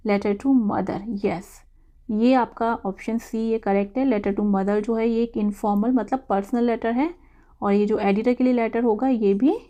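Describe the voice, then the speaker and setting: A woman, an English teacher going through exam quiz answers, who reads each English question slowly and then explains it in Hindi. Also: a little high, dark tone.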